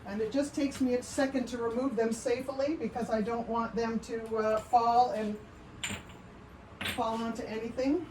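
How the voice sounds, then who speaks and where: Her voice is on the high side, with fairly even intonation and a moderate pace. The speaker, a Canadian-accented potter, runs a casual live show-and-tell on her livestream, rambling chattily and often abandoning sentences midway, over noticeable background noise.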